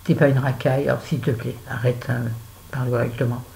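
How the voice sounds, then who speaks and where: A woman's voice: very deep voice, little pitch movement, brisk, vocal fry, dark tone, rough recording. A middle-aged woman vlogging while she does her make-up, chatting and telling a story with exasperated asides. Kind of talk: casual chit-chat while doing make-up.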